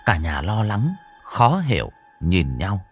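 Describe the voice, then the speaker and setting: A man narrating a ghost story in a dramatic, expressive storytelling manner. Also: low voice, slow pace, faint music behind.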